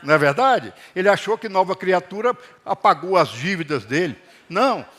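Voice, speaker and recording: Animated high-voiced man preaching a sermon. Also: normal speed. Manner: animated preaching with call-and-response to the congregation. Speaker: pastor. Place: church hall.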